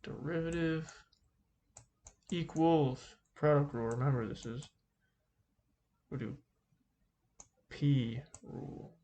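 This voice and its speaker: A man speaking through a face mask, giving an informal calculus lesson in a halting way, thinking aloud as he goes. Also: on the high side, warm tone, a little hiss or hum. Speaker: math teacher.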